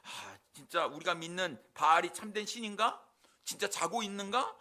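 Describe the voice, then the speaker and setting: A preacher doing desperate pagan prophets. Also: male voice, sits high, lively intonation, moderate pace, bright, forceful tone, heavily acted. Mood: doubtful. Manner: pleading, then doubting.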